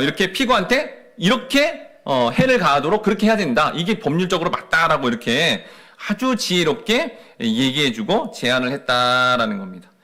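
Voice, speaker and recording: A man's voice: medium pitch, fairly bright tone. A man preaching a sermon as pastor, asking the congregation rhetorical questions with rising and falling emphasis.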